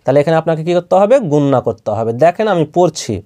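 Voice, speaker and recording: A man with a Bangladeshi Bengali accent gives a patient, slow, spelled-out Quran recitation lesson on reading the letters, posing questions and answering them himself. His voice sits on the high side with a dark tone, and he talks fast with lively intonation.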